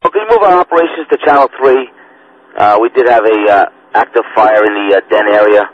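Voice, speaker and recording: A man's voice: lowish voice, brisk, dry recording. A man speaking over a walkie-talkie as a fire command officer, giving terse, clipped radio calls with brief hesitations. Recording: noisy phone-like two-way radio.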